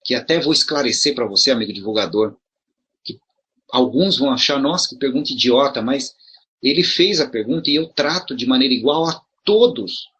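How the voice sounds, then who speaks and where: A man's voice: medium pitch, animated, moderate pace, a bit bright, slightly rough, highs cut off. A middle-aged man from Brazil explaining things to his audience in a casual monologue, asking rhetorical questions and restarting his sentences. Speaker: video commentator addressing promoters.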